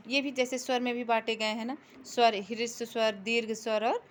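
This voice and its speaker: Her voice a little high and her delivery flat, a woman teacher walks students through a lesson while a slight hiss or hum sits in the recording. She lingers slowly over the example words for letters and replies to her own questions.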